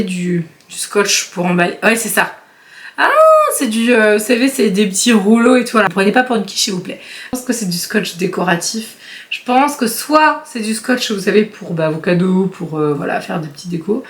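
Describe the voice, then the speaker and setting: A woman chatting casually as a beauty vlogger, animated and laughing often while she unboxes products. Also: mid-range voice. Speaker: beauty YouTuber.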